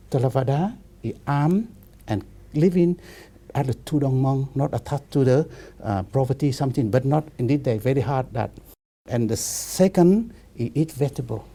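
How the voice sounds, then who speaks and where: Man, 50s, Buddhist monk in a discussion; very mellow, dark tone, mid pitch; broken English with many restarts. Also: animated. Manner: halting, repetitive non-native English with many restarts. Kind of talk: relaxed spiritual discussion.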